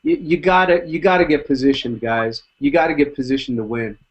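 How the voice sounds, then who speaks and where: A man's voice: mid-range voice, a little fast, husky. Emphatic man on a muffled recording. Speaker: co-host. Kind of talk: casual chat. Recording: dull lo-fi sound.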